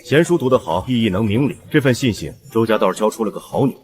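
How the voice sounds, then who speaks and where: A middle-aged actor playing a stern emperor who speaks in a measured, authoritative voice. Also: male voice, fairly low pitch, animated, breathy edge, big-room sound. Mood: appraising. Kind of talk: short period drama acting.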